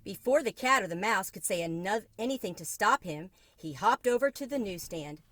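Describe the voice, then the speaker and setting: A woman reads a children's story aloud with expressive delivery, at normal speed and a middle pitch. The recording is dry and close, with little room sound.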